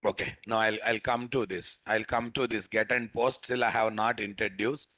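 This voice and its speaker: A man's voice: fairly low pitch, fairly even intonation, moderate pace, pushed and bright. A man with a Telugu accent teaching a live programming lesson as an instructor, repeating phrases and often checking with his listeners through questions. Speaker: software instructor.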